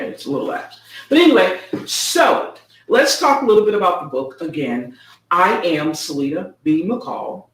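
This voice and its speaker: A woman author chatting casually on a live video about her book, often tagging her sentences with "okay?". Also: low-pitched. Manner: casual, ends many sentences with a checking "okay?". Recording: roomy echo, mic set far off.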